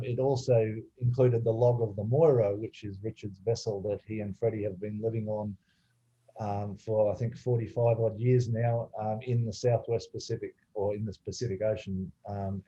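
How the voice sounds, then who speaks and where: A man hosting a webinar, introducing guests in a halting way with many fillers and restarts. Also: lowish voice, dark tone. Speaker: webinar host. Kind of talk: webinar presentation. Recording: slightly dull video call audio.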